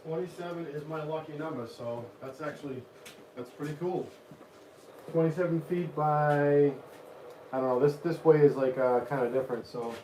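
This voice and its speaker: A man's voice: a little high, moderate pace, mellow. Boston-accented man hosting from a distant mic. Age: 40s. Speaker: live stream host. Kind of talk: casual live stream chat. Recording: roomy echo, distant mic, noisy.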